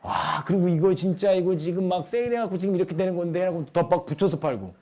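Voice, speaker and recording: A young adult man preaching a youth sermon, animated, acting out quoted people in lively voices. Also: high-pitched, fast talker.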